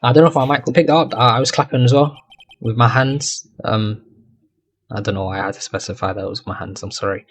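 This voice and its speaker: A man's voice: medium pitch, a little fast, fairly bright tone. A man giving casual, self-deprecating commentary while playing and voicing a video game. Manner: chatty, self-deprecating asides. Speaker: gamer voicing a playthrough. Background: faint game music.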